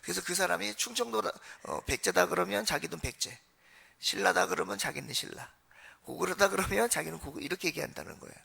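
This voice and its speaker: A man from Seoul gives a Sunday sermon in a church, spinning stories and turning to the congregation to ask them questions. His voice sits a little high and has a bright, forceful edge. A heavy gravelly fry runs through it. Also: animated, fast talker. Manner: conversational storytelling, addresses the congregation. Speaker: pastor. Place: church sanctuary.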